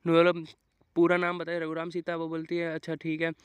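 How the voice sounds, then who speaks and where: Flat high-voiced man rambling a movie recap. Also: a little fast, smooth, dry recording. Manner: rambling, with fillers and placeholder words like "so-and-so". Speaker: movie plot narrator. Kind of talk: casual movie recap storytelling. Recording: dull lo-fi mic, dry.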